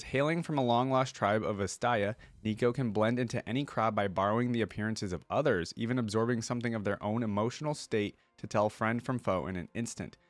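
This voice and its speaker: A YouTube reaction host speaks in a medium-pitched voice, chatting and reading aloud in a casual, conversational, informal way. There's no echo in the recording.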